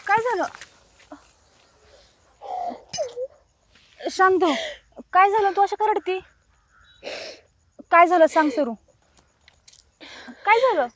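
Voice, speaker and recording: A woman's voice: very high voice, animated, a little slow, long pauses, a bit bright, no room sound, full character voice. An actress playing a chatty, gossipy village woman who cares for a younger friend. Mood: comforting. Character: talkative village woman, a caring elder friend. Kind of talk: web series acting.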